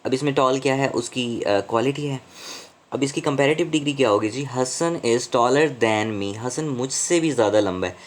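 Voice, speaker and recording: A man teaching English grammar from slides, explaining slowly and deliberately in Hindi mixed with English phrases. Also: mid-range voice. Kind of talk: slide-based grammar lesson.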